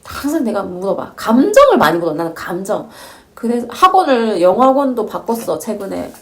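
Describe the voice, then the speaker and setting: A woman's voice: medium pitch, big pitch swings, a little fast. A woman in her forties, a divorced mother, telling her own story in an earnest, reflective, casual way. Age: 40s. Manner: earnest, reflective, speaks in short informal phrases.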